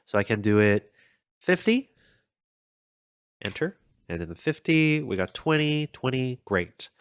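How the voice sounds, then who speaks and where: A man's voice: mid-range voice, very animated, measured pace, clear, resonant tone, no echo. Tutorial host: casual man talking through code at his desk, chatty and self-deprecating, dry close mic. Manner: chatty, self-deprecating, thinks aloud with fillers. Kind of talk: casual code-along explanation.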